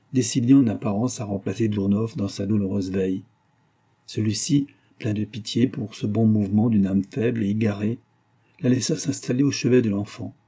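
A man narrating a classic novel aloud in a measured, steady reading. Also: lowish voice, husky. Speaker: audiobook narrator. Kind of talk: scripted narration.

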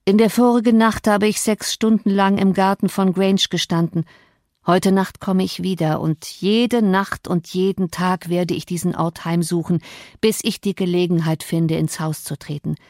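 A woman voicing a brooding, domineering and violent grown man in an audiobook, forceful and threatening. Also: on the low side, fairly even intonation, normal speed, no room sound, studio quality, natural voice. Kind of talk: audiobook reading.

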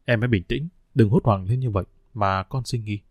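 A man voicing a calm, cautious middle-aged husband who speaks steadily and reassuringly. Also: fairly low pitch, fairly quick, no room sound, highs cut off, lightly acted.

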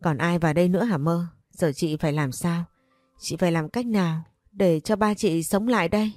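A woman's voice: lowish voice, a little fast, darkish tone, dry recording, soft background music, close to an everyday voice. A woman voicing a betrayed young wife in an audio story, speaking in anguish. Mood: despairing. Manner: anguished, pleading.

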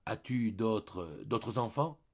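Casting: a frail, tender older lady, read by a male narrator, soft and husky, dull sound. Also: lowish voice, very animated, moderate pace, heavily acted. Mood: tender, sorrowful. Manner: soft, trembling speech.

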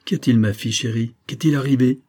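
A man's voice: medium pitch, steady tone, fast talker, darkish tone, voice pushed up, natural voice. A man voicing an elderly colonel, a doting father, speaking emphatically and fondly in an audiobook. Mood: alarmed. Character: warm-hearted old colonel, doting father.

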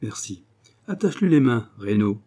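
A man voicing a suave, cocky gentleman burglar in an audiobook, brisk and commanding, with a mocking edge. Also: on the low side, big pitch swings, breathy edge. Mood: curt commanding. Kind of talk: audiobook character voice.

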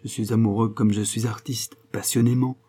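A man's voice: on the low side, little pitch movement, normal speed, dark tone, husky. A man reading aloud, voicing a proud young poet who answers curtly and defensively.

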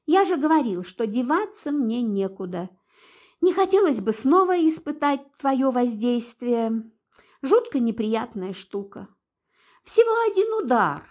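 Gruff stern father for an audiobook, blunt and impatient, read by a woman, high and lively. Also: unhurried. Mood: grumbling. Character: grim stern older father, a commanding man.

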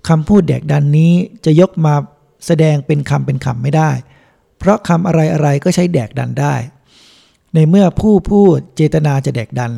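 Man, monk, audiobook reading, very gravelly, dark tone. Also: a little high, moderate pace. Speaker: monk reading a book aloud.

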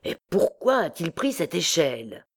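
A man's voice: a little high, big pitch swings, a little slow, full character voice. Woman voicing a grumbling indignant poet. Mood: irritated. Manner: grumbling, indignant, theatrical complaints. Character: proud irritated male medieval poet, put-upon.

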